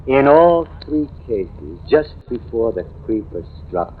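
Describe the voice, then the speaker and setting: In a tinny, noisy vintage radio recording, a man plays a cocky, knowing, hard-drinking American newspaperman in an old-time radio drama, theorizing about a killer. He's insistent and slangy, with a mid-range voice that is very animated yet slow.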